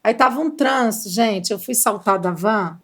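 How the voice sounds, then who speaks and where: A Brazilian woman co-hosting a podcast, telling a funny story in a lively, laughing, theatrical way. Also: mid-range voice, moderate pace, slight background noise. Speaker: podcast co-host. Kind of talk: casual storytelling chat.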